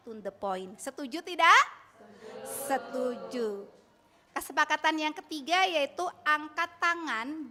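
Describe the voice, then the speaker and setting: A woman teacher from Bandung, speaking with an Indonesian accent, gives an upbeat training presentation to her colleagues and often asks them to reply. Her voice is fairly high pitched and fairly bright in tone.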